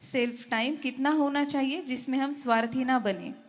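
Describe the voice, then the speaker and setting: A woman's voice: high-pitched, steady tone, moderate pace. A woman reading submitted questions aloud to a spiritual teacher in a formal, respectful manner. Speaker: question reader.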